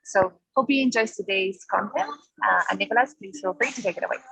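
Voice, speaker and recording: A woman's voice: medium pitch, fast, creaky, fairly bright tone, husky, rough recording. A woman hosting an online session, giving an upbeat, formal welcome with occasional fillers. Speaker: event host introducing the session. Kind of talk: scripted welcome introduction.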